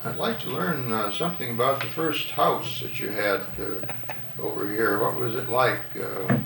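Distant echoey noisy recording, male interviewer, creaky voice, hesitant halting questions. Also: mid-range voice, fairly bright tone. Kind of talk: informal fieldwork interview questions. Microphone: distant from the speaker.

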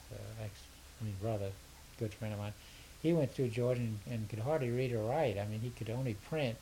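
An older man from the southern United States, an education consultant, answers interview questions casually, hesitating, rambling, and often repeating words. His voice is medium in pitch, and the poor audio carries a faint steady hiss.

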